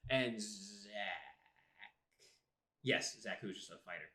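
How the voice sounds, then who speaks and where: Bright-voiced man telling a game story. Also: on the low side, takes it slowly, echoey room. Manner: animated, acts out quotes while telling a story. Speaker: podcast co-host. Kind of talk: casual storytelling chat.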